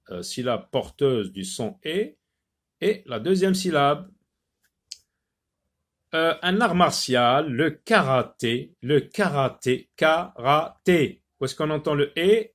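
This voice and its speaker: A man teaching a phonics lesson to children, slowly repeating each word and stressing its syllables. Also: a little high. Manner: slow, deliberate, repeats words syllable by syllable.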